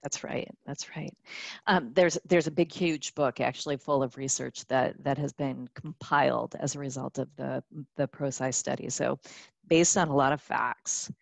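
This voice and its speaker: Woman webinar presenter, low-pitched, upbeat and chatty, lots of ums, dry sound. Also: fairly even intonation, normal speed, vocal fry, dry recording. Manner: upbeat, with many fillers and restarts. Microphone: conference call line.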